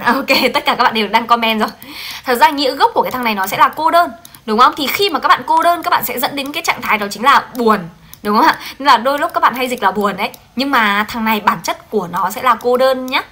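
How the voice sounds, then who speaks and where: Leading a livestreamed Japanese translation class, a woman speaks a little fast in a high-sitting voice. She's energetic and encouraging, regularly checking in with her students.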